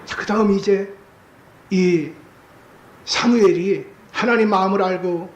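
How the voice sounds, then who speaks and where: A male pastor preaching a sermon with strong emotion, acting out quoted voices and rising to shouts. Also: high-pitched, unhurried. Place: church sanctuary. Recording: echoey church sanctuary, faint noise.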